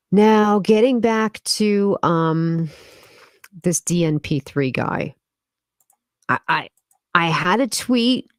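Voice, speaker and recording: A woman's voice: fairly low pitch, no echo, studio quality. A woman hosting a crypto live stream, talking casually and with indignant sarcasm, full of fillers like "like" and "you know". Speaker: crypto channel host.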